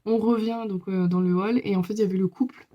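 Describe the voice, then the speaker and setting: A woman's voice: mid-range voice, fast talker, dull audio. A young woman casually retelling a personal story to her viewers, chatty and full of fillers. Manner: chatty, many fillers, lively retelling with laughs. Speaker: vlogger.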